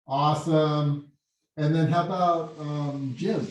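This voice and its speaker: A man hosting a meeting in casual, halting talk, who repeats his words and sounds hollow, as if speaking in a hole, because he sits far from a computer mic. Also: a little high, fairly even intonation. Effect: hollow cave-like echo, as if speaking in a hole. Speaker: meeting host. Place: meeting room with windows and blinds. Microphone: computer mic set back from the speaker. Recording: very echoey room, far from the mic.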